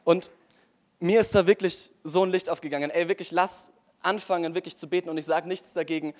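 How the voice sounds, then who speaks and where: A man's voice: fairly high pitch, fairly even intonation, a little fast. A young man giving an earnest, casual sermon-style testimony, speaking straight to his listeners with frequent fillers.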